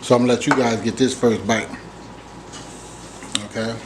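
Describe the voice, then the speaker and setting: A man's voice: medium pitch, steady tone, normal speed. A man hosting his own home cooking stream, chatting casually as he fries food in his kitchen. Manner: loose, chatty, tastes food on mic. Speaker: home cooking channel host. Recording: noisy home recording with frying. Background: sizzling frying.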